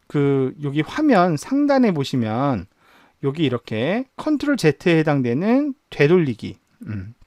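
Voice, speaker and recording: A man's voice: on the high side, vocal fry, dry recording, studio quality. A man teaching an online university class, walking through each step on screen. He asks the students questions and then answers them himself. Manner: walks through screen steps. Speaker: university professor. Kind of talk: online lecture on spreadsheet software.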